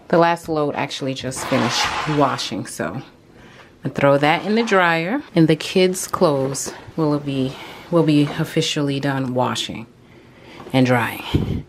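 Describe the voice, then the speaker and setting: A woman's voice: low-pitched, background noise. A young adult woman talking to viewers while she cleans her house, a bit out of breath. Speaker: cleaning vlogger. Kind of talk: casual cleaning vlog narration. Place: at home.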